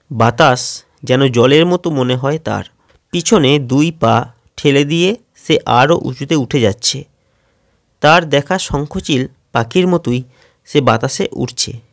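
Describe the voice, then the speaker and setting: A man teaching schoolchildren in a steady question-and-answer lesson, announcing each question and then answering it, with a Bengali accent. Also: mid-range voice, no echo, clean studio sound.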